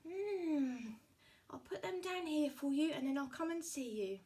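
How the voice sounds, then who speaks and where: Puppet heroine played by a woman: innocent little girl, very high, sing-song, wide-eyed, swooping delivery. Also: animated, unhurried, mellow. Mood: cheerful. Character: innocent, sweet little girl in a fairy tale. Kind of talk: puppet-show storytelling.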